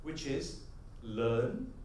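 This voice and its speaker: Extremely slow yet lively in intonation, a middle-aged man's slightly mellow mid-range voice delivers a conversational, anecdotal conference talk. He often tags "right?" and builds to rhythmic, emphatic punchlines. A distant mic in the large convention hall picks up echo and slight background noise.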